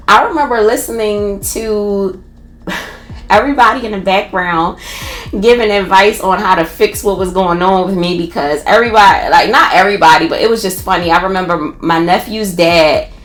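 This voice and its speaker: A woman with a Philadelphia accent tells a personal story in a casual podcast, animated and full of restarts. Her voice sits in the middle of the female range. The room around her is noticeably echoey. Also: mid-range voice, moderate pace. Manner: animated retelling with many restarts and laughs.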